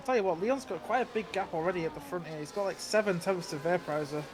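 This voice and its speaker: A man's voice: sits high, quick pace. A man giving conversational analysis as co-commentator on a live esports race. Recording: noisy mic with droning buzz.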